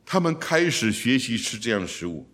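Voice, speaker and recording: A man in a mid-range voice walks his listeners through a Bible passage. He keeps the teaching lively, putting questions to the room and slipping in English phrases now and then. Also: mid-range voice, fairly quick. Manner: lively, asks the audience rhetorical questions.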